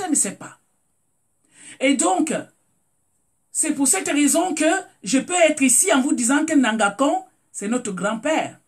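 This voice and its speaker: Breathy and mid-range, this voice comes from a Cameroonian live stream host with a Cameroonian French accent. The talk is casual, with repeated words as the speaker searches for phrasing and personal greetings to viewers by name.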